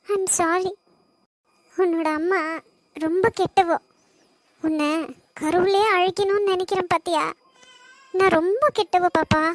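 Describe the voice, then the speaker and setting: A woman voicing a distressed young pregnant wife in an animated family drama, speaking through tears with a Kanyakumari Tamil accent. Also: very high voice. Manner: pleading, sorrowful. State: crying.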